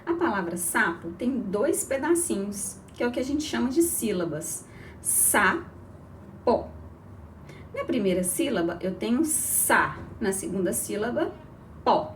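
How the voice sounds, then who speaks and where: A woman teaching an early reading lesson to children, encouraging and spelling out syllables slowly. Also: mid-range voice, very animated, darkish tone, distant mic, slight background noise.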